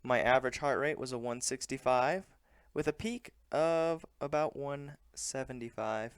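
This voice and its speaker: A running vlogger narrates a personal recap of his training, speaking earnestly in a plain, measured way. His voice is smooth, clean and medium-pitched. The recording is dry and close, with little sense of the room.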